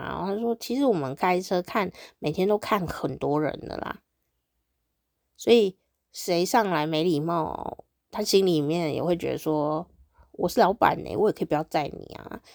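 A woman's voice: on the low side, lively intonation, moderate pace, gravelly, a little mellow, no echo, studio quality. A woman with a Taiwanese Mandarin accent, hosting her own show and telling everyday stories in a chatty, upbeat way. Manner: chatty and upbeat, easily amused. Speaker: podcast host. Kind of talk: casual storytelling monologue.

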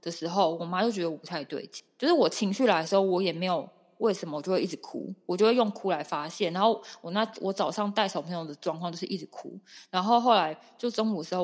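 A woman in her thirties telling a personal story in casual chat, emphatic and animated, often acting out what others said. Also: on the low side, fast talker, hardly any pauses. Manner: animated, emphatic, acts out quotes. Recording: echoey room with long reverb.

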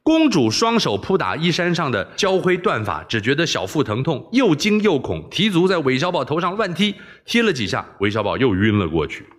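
A man's voice: on the high side, brisk, few pauses. A middle-aged man from Taiwan, telling and reading a story expressively. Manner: animated, expressive.

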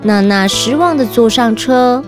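A woman's voice: a little high, measured pace, music in the background. A woman with a Taiwanese Mandarin accent telling stories to children as a kids show host, speaking directly to little listeners. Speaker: children's story podcast host and narrator. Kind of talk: storytelling narration for children.

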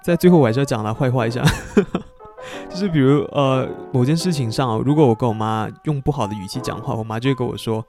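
A man's voice: medium pitch, fast, darkish tone, soft background music. A young man hosting a podcast in a chatty, self-mocking storytelling style. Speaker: podcast host. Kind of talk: casual storytelling monologue.

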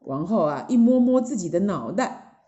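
A woman storyteller narrating a children's classic tale with lively exclamations. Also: medium pitch, normal speed. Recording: muffled lo-fi recording.

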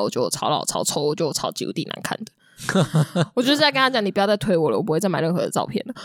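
A woman's voice: medium pitch, a bit bright, dry recording, clean studio sound. A young Taiwanese woman co-hosting a casual chat podcast, telling a story in a dramatic, self-mocking way with swearing. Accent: Taiwanese Mandarin. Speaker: podcast co-host.

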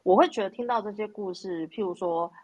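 A woman's voice: medium pitch, brisk, a little mellow. A woman with a Taiwanese Mandarin accent telling anecdotes in casual chat, quoting bits of dialogue as she goes.

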